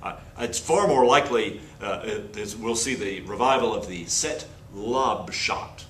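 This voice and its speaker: A man's voice: lowish voice, expressive, a little slow, fairly bright tone. A man playing a pompous, square 1960s TV news anchor in an earnest, stumbling parody newscast. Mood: disapproving. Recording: echoey room with faint noise.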